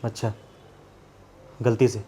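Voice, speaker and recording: A man's voice: on the low side, level tone, slow, mellow, breathy edge. An actor playing a proud young man who argues defensively with his partner, then turns cold and bitter. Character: young man, proud, hurt, coldly walking out. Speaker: live-in partner. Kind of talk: scripted short-film acting.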